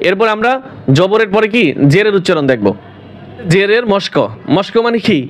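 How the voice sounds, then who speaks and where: A man teaching Quran letter pronunciation, slowly drilling each letter sound one at a time. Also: high-pitched. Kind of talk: recited pronunciation lesson.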